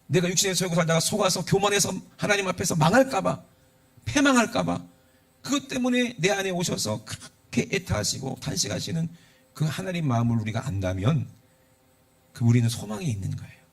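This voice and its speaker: A man's voice: high voice, expressive, fairly quick, vocal fry. A middle-aged male pastor, preaching conversationally with rhetorical questions. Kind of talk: sermon.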